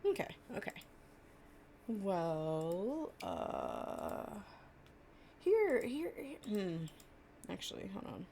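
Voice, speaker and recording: Heavily acting, a young woman voices an affectionate, chatty girlfriend reading fables to her partner in an improvised, intimate storytime, her speech casual, slangy and playful. She talks extremely slowly with frequent pauses, her medium-pitched, warm, creaky voice swooping wildly up and down. Slight background noise is present.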